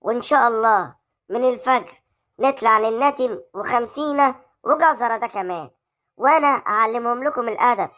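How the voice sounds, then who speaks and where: A woman's voice: fairly high pitch, brisk, a bit bright, close to an everyday voice. A woman with an Egyptian accent voicing a boastful, commanding older male neighborhood boss in a cartoon comedy. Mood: hearty. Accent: Egyptian Arabic.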